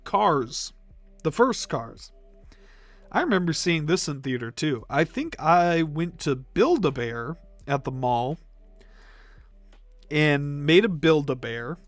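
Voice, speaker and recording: A man's voice: a little high, sing-song, slow, pauses often, no room sound, soft background music. Rambling young man with a cough. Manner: rambling, conversational, with fillers. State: coughing, throat irritated. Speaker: live stream host. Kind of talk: casual chat ranking movies.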